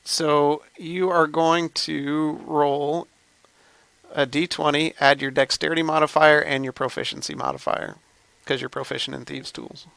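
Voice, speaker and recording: Gravelly, bright-toned male game master. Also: on the high side, fairly even intonation, no room sound. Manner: descriptive, unhurried scene-setting narration. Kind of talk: narrating a tabletop game.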